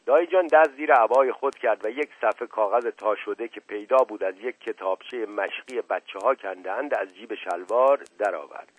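Measured male audiobook narrator. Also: on the low side, husky, no echo, poor audio. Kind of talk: scripted narration.

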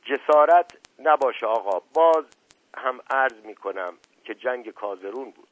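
A man's voice: mid-range voice, lively intonation, a bit bright, no room sound, lightly acted. A man reading aloud, voicing an older male servant who is humble and timid yet stubbornly keeps correcting his master. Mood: insistent. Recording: dry, narrow phone-like sound.

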